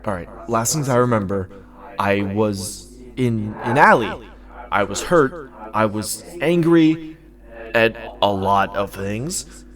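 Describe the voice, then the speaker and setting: Slow and on the low side, a man performs an audio-drama role as a forgetful, foul-mouthed former magical fabricator. He nudges himself along, alternating between muttered concentration and excited outbursts, all in a mood of focused recollection.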